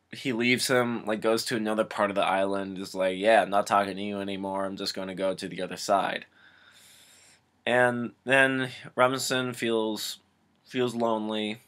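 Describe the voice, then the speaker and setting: Bright-voiced, sarcastic young male reviewer. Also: lowish voice. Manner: rambling and sarcastic, with frequent restarts. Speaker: film reviewer. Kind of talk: casual film review.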